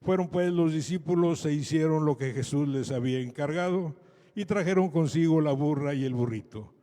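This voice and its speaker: A man's voice: a little high, normal speed, dark tone. A man giving a solemn liturgical scripture reading as a priest, his voice carrying through cathedral echo. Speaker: priest proclaiming the Gospel at a Palm Sunday Mass. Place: large cathedral. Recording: cathedral echo, long hall reverb.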